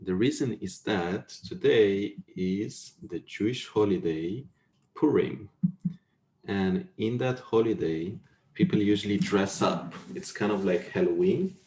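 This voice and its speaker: Slow, low-voiced man lecturing. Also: vocal fry, a little mellow. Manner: explanatory, checks understanding with questions. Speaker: university lecturer. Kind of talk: technical lecture. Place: indoors, online video call. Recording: echoey room over video call.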